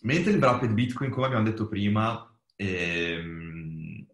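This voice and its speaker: A man co-hosting a casual panel podcast, explaining technical points at length, halting and restarting as he goes. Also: lowish voice, fairly bright tone, echoey room. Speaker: podcast co-host explaining crypto.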